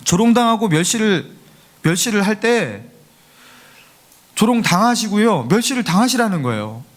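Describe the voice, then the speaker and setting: Male pastor, church sermon, earnest, pleading, fervent, mocking voices of scoffers, slightly high voice. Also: big pitch swings, normal speed. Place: church sanctuary.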